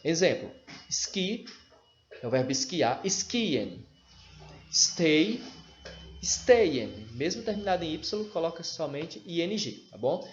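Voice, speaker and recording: A man's voice: fairly high pitch, big pitch swings, slow, long pauses. A man teaching an English grammar lesson, patiently repeating examples and spelling out letters. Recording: roomy, dull lo-fi with faint noise.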